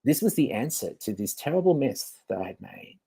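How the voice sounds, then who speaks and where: A man's voice: medium pitch, big pitch swings, fairly quick, vocal fry, warm tone, husky, dry recording. A man hosting a show, giving a candid, rambling confessional monologue and swearing freely. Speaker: host.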